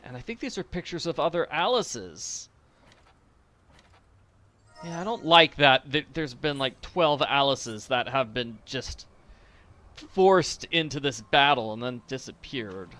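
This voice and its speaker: Bright-voiced man giving game commentary. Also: mid-range voice, lively intonation, unhurried. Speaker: game walkthrough host. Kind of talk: casual playthrough commentary.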